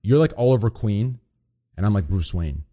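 Young streamer bro with a low voice. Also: male voice, animated, moderate pace, dark tone. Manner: hyped gamer-bro talk full of slang and swearing. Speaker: live streamer. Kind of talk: casual livestream banter.

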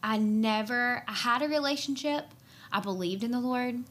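An earnest young woman shares her personal story as a podcast guest, speaking from the heart. She talks with an emotional, unpolished flow, often stopping to gather herself with a soft "um". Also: fairly high pitch. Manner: earnest and emotional, with frequent "um" pauses. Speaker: podcast guest, worship leader and pastor's wife.

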